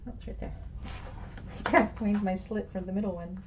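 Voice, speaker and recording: A woman's voice: medium pitch, fairly even intonation, moderate pace. A woman teaching a live bag-making class, chatty and self-deprecating, talking to herself as she works. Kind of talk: live class instruction while sewing. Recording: slightly dull lo-fi with faint noise.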